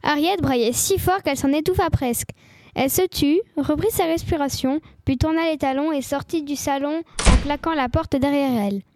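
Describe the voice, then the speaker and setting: Woman narrator, high and warm, lively audiobook read. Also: normal speed, no room sound.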